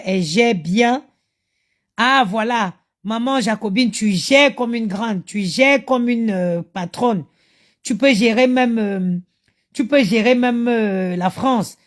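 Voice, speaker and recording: A tired woman chatting to her viewers on a phone live stream, talking about motherhood and her online group. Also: a little high. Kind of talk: casual live-stream chat.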